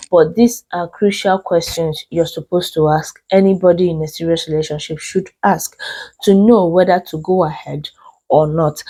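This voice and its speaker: A woman's voice: on the low side, warm tone, low-quality recording. A woman with a Nigerian accent and a congested, unwell voice hosts casual relationship advice, speaking emphatically with repeated phrases and posed questions. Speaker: host.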